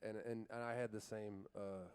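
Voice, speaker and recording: A male country singer-songwriter thanking the crowd from a theatre stage, grateful and halting, restarting his sentences often. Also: on the low side, level tone, a little mellow, clean tone. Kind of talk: on-stage thank-you speech. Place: theatre stage at a live charity event.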